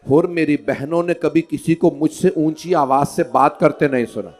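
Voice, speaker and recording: A man leading a mourning majlis at a large outdoor gathering, moving from hushed, low storytelling to loud, wailing cries as he acts out the dialogue in his story. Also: normal speed. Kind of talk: impassioned majlis sermon recitation.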